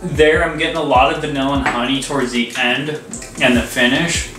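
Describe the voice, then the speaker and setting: A man's voice: mid-range voice, little pitch movement, a little fast, music in the background. A man in his twenties chatting casually and emphatically in slangy bro talk as he co-hosts a review. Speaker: whiskey reviewer, co-host. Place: small room with home bar, indoors. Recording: roomy echo, slightly distant mic.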